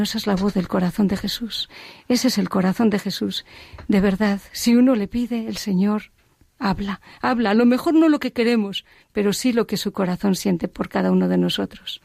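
A woman's voice: medium pitch, vocal fry, darkish tone, dry recording, studio quality. A middle-aged woman giving an earnest personal faith testimony, repeating phrases for emphasis. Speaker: religious sister giving testimony.

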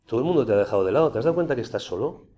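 A man voicing a nagging male inner voice that speaks slowly and softly, with false sympathy. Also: medium pitch, expressive, close to an everyday voice. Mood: pitying. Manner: soft, slow, falsely sympathetic.

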